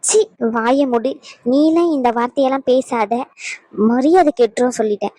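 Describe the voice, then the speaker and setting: A woman plays a fierce elder sister in a cartoon drama, scolding in a high voice that lectures without letup. The sound is dry and close, with no room around it. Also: moderate pace, warm tone, no echo, low-quality recording. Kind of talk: animated drama dialogue.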